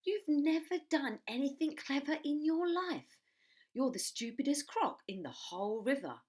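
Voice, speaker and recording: A woman's voice: high voice, very animated, measured pace, a little mellow, pitched above the performer's own voice. A woman voicing a smaller storybook crocodile, sceptical and sneering as it contradicts. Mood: scornful.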